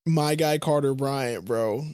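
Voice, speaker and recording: A man's voice: medium pitch, slow, darkish tone, no echo, clean studio sound. A man co-hosting a podcast, chatting in a laid-back, slangy way during a live game reaction. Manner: laid-back, slangy, ends lines with "bro". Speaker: podcast co-host.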